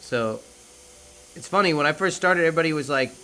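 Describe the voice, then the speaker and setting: Bright-voiced Oklahoma man with an Okie accent. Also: fairly high pitch, lively intonation, a little fast, clean tone, low-quality recording. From Oklahoma, United States. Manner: self-deprecating, joking. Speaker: live stream host. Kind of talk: casual live stream chat. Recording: faint hiss behind the voice.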